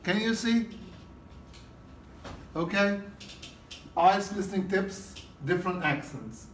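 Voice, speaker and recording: A man lecturing a class on exam preparation, his voice sitting a bit high for a man and heard from across an echoing room. He talks in loose spoken bursts and keeps checking that students follow him. The recording is roomy, with faint noise underneath. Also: expressive, takes it slowly, a bit bright, distant mic. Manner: repetitive, checks in with "okay?". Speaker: exam prep teacher.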